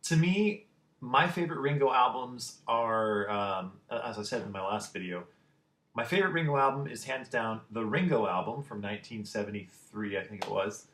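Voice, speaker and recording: A man's voice: fairly low pitch, lively intonation, moderate pace, a bit bright. A man talking casually and enthusiastically about his favorite albums, rambling with lots of ums and restarts, in a room with a computer. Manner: enthusiastic, rambling with many fillers. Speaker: music vlogger. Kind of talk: casual album ranking talk. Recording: roomy echo.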